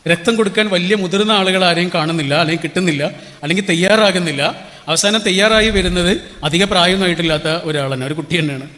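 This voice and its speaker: A middle-aged man gives an inspirational speech in a fairly high voice. He tells stories and throws rhetorical questions to the crowd. A long reverb trails after his words in the hall. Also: a bit bright. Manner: storytelling, rhetorical questions to the audience. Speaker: motivational speaker.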